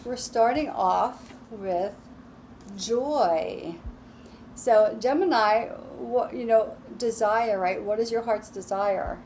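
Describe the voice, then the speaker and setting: Woman tarot reader, fairly high voice, unhurried and soothing delivery. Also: a little hiss or hum, low-quality recording. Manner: slow, soothing, reassuring, with soft laughs. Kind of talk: relaxed solo tarot reading.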